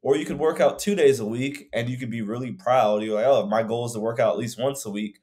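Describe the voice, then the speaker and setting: Talking fast in a mid-range, darkish voice, a young fitness coach co-hosts a podcast over a video call. It's a casual conversation from a room at home, and he rambles thoughtfully with plenty of filler words.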